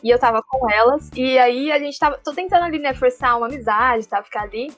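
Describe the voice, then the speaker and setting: A woman with a Brazilian Portuguese accent, telling viewers a personal story in a casual, animated way and acting out what others said. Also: high voice, fast, soft background music. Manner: animated, often acts out quoted voices. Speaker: vlogger.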